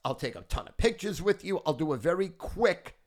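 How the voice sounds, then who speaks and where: A brash man in his fifties spins long, wandering stories on his podcast, bragging freely and swearing constantly. His voice sits a little high for a man. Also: expressive, brisk. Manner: boastful, profane, rambling. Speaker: podcast host. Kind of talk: casual storytelling.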